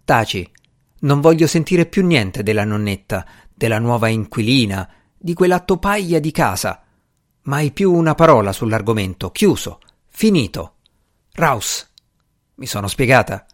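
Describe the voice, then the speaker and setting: A man reading aloud and voicing a furious, scornful young wife who shouts down her husband in a shrill, cutting, bossy way. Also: very animated, unhurried, no echo, studio quality. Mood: furious shouting.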